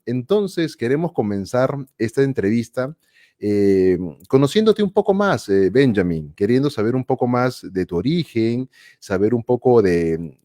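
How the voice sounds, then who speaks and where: Lively, mellow-voiced male interview host. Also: mid-range voice. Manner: enthusiastic, exclaims often. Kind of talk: live-stream interview.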